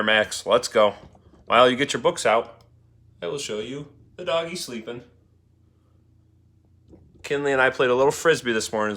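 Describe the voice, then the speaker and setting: A young male teacher reads a storybook aloud to his class. His voice is bright and forceful, sitting at a middle pitch, and he keeps calling on students by name to keep up.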